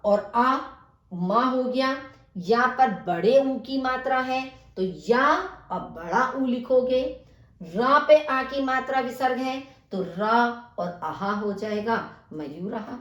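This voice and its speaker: Woman teacher, fairly high voice, spells out words letter by letter, roomy echo. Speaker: Sanskrit teacher. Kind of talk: textbook exercise walkthrough. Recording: echoey room.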